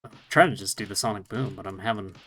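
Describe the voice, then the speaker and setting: Talking fast in a fairly bright voice on the low side, this podcast co-host plays a retro fighting game and keeps up casual chatter. He's self-deprecating, laughs a lot and swears casually.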